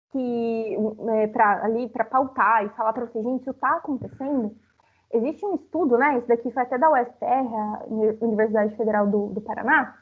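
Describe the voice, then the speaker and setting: A woman's voice: high voice, husky. Chatty young woman, phone-like sound. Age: 20s. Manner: chatty, addresses the audience directly. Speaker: speaker. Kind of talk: live talk to an audience.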